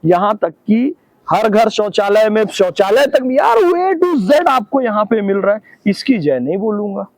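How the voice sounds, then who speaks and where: A man's voice: high-pitched, lively intonation, unhurried, no echo. A man being interviewed, arguing fervently and stacking up rhetorical lists and questions. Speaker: interview guest. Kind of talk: impassioned interview argument.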